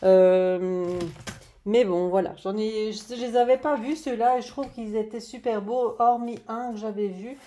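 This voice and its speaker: A woman's voice: on the high side, fairly even intonation, unhurried, warm tone. A woman showing craft paper pads in a casual home vlog, chatty and hesitant, with many fillers and restarts. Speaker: craft haul vlogger. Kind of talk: casual show-and-tell vlog. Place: at home at a desk. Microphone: camera on the desk, moved closer and back.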